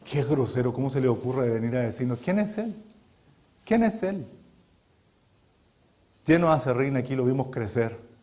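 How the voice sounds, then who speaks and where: Indignant, sneering townsfolk acted by a male preacher, lower and heavier than his own voice. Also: expressive, normal speed, pauses often, a little mellow, lightly acted. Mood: scornful. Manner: sneering, indignant rhetorical questions. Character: scornful resentful hometown townsfolk, indignant adult men.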